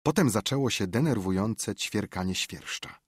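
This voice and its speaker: A man narrates an audiobook in a low, husky voice with a measured, atmospheric delivery. The close studio recording is dry, with no room sound around the voice. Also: expressive, dry recording. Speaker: audiobook reader. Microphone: close studio microphone.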